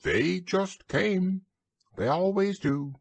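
A man puts on a slightly haughty male storybook rabbit. The voice sits high and swings in pitch, with a dry, careless manner. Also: lively intonation, takes it slowly, gravelly, husky, no room sound, full character voice.

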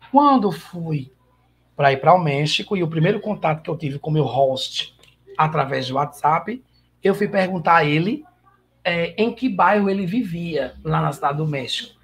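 A man's voice: a little high, slightly rough. A man with a Brazilian accent giving an informal online lecture, chatty and addressing viewers by name. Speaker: guest lecturer.

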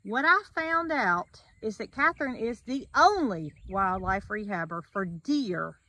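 A woman's voice: mid-range voice, expressive, unhurried, sharp tone, no room sound. A middle-aged woman host who affirms and sums up her guest's points in a casual outdoor interview. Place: outdoors by a metal barn wall.

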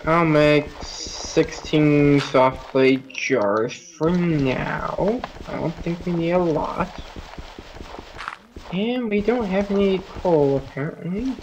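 A man's voice: on the high side, slow, dull audio, slight background noise. A man playing a co-op game, bantering and teasing in a contrary, joking way. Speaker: gamer. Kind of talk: co-op gameplay chat.

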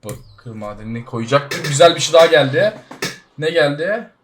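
A man giving casual, excitable commentary while playing a game, talking straight to his viewers and swinging between loud surprise and low muttering. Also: normal speed, slight background noise. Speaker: gaming YouTuber.

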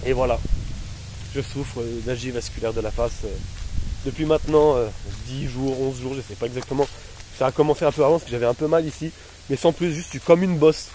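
A man in his thirties, hurting, talks casually and rambles in slang to his followers as he films himself outside among bushes and trees. His mid-range voice is brisk and mellow. The phone, held at arm's length, yields a noisy recording with outdoor ambience.

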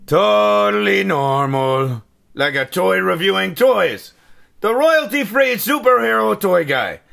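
A man's voice: high voice, big pitch swings, slow, vocal fry, fairly bright tone, heavily acted. A man voicing a manic, self-important superhero action figure in a comedic toy review, with exaggerated theatrical delivery. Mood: defensive deadpan.

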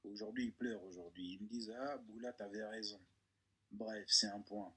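A joking man from Congo speaking with a French suburban accent, his voice bright and a little husky. He talks playfully and keeps leaping up into a high, exaggerated voice for comic effect. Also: steady tone, normal speed. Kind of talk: joking casual chat.

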